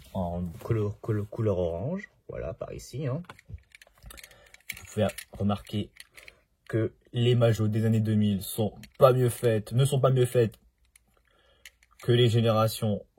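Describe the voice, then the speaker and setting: A man's voice: mid-range voice, darkish tone, slight background noise. A man talking casually in a home vlog about his toy car collection, chatty and jokey, often interrupting himself.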